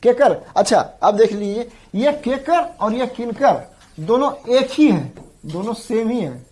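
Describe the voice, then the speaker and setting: A man's voice: very high voice, lively intonation, measured pace, dark tone, husky. A male teacher giving an exam-prep grammar lecture, repeating each term several times and often checking in with the students. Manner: repeats terms drill-style, often checks in with the class.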